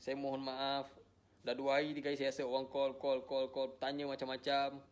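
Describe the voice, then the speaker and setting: A man's voice: mid-range voice, monotone, brisk. A married man from Malaysia speaking straight to his viewers, weary and defensive, repeating himself often. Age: adult, married with a child. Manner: repetitive, defensive, tired. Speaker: social media personality. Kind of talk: emotional direct-to-camera statement.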